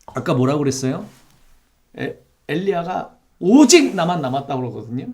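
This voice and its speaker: Male pastor, fairly high voice, sermon, reads scripture aloud, church service. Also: very animated, moderate pace, darkish tone. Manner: expository preaching, reads scripture aloud, asks the congregation questions. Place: church sanctuary.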